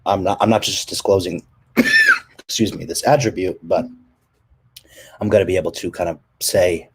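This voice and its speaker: A man presenting his company's standards work and answering questions, speaking haltingly with many fillers and restarts. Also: deep voice, animated, noisy background. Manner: halting, many ums and restarts, coughs between phrases. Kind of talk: technical presentation and Q&A.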